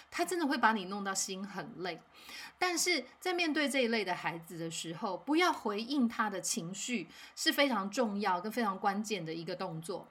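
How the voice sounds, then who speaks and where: A mother hosting a parenting podcast, telling a home story in a calm, measured way with soft, weary asides. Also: mid-range voice, breathy edge.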